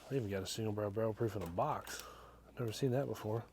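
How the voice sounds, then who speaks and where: Soft-spoken joking man in a liquor store. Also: on the low side, fast, noisy background. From Tennessee. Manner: joking, dry running price commentary; talks softly, half-whispering in the store. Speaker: bourbon reviewer and channel co-host. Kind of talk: casual walk-through vlog.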